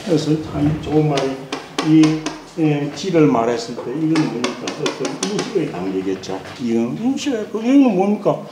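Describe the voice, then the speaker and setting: A man teaches classical texts, chanting them slowly in a sing-song before explaining with many fillers. His voice sits a little high and moves lively up and down. The room is echoey, with a faint hiss behind. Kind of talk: chanted reading and lecture.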